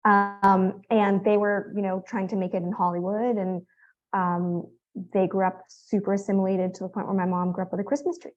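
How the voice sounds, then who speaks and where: A woman in her fifties from California talks through her family history as an interview guest, wandering from one memory to the next with fillers and restarts. Her voice sits at an ordinary middle pitch. The audio is a little dull and lo-fi. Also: level tone, normal speed. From San Francisco Bay Area, California. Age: 50s. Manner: rambling, storytelling with many fillers and restarts. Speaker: author guest. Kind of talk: conversational interview.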